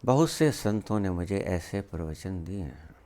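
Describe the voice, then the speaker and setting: A man giving a spiritual discourse, asking rhetorical questions and scolding in an emphatic, deliberate way. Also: deep voice, animated, mellow. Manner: slow with long pauses. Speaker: spiritual teacher.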